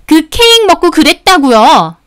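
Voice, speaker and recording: A woman voicing a furious, entitled young woman customer who shrieks sharp accusations down the phone. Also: high voice, big pitch swings, normal speed, pitched above the performer's own voice. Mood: shrill, furious.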